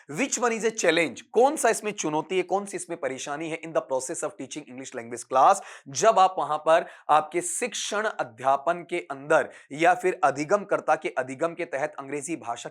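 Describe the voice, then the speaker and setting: A man with a slightly high voice giving an online exam-prep lecture. He reads English answer options slowly, then explains them at length in Hindi. Along the way he keeps asking questions of his listeners and answering them himself.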